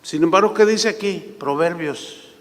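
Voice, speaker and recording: Man, sermon, high pitch, storytelling, long hall reverb. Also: unhurried. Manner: storytelling, acts out voices. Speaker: preacher.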